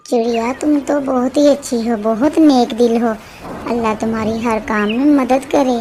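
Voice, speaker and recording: Woman playing a frail old auntie, high voice, noisy recording. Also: steady tone, warm tone, lightly acted. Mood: weary. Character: sickly old woman, kind but fed up.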